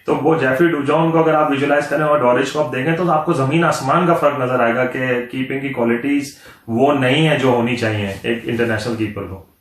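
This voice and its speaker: A man asks questions as the interview host, politely and in a measured way. His voice sits at a middle pitch. Noticeable room echo surrounds him. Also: fairly even intonation. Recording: roomy echo.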